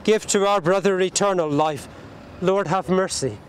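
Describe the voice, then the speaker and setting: A man leading a burial service outdoors at a cemetery, reciting the prayers in a solemn, measured way. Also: sits high, clean tone. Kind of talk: liturgical graveside prayer.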